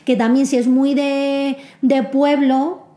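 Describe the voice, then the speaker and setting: Woman co-host, high chatty voice, echoey room, interjects a lot. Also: flat delivery, mellow. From Spain. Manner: chatty, quick to interject and protest. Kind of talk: casual chat.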